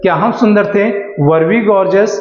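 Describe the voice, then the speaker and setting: High-voiced man teaching in an echoey room. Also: muffled recording. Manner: slow, drawn-out English examples, asking and answering his own questions. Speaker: English teacher. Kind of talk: spoken English lesson for beginners.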